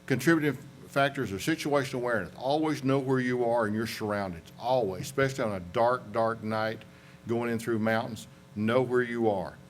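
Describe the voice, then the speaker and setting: A North Carolina accident investigator with a Southern US accent speaks fairly quickly in a medium-pitched voice at a conference. He rambles in a folksy way, stopping to restart and add asides, while a slight hiss or hum sits under the audio.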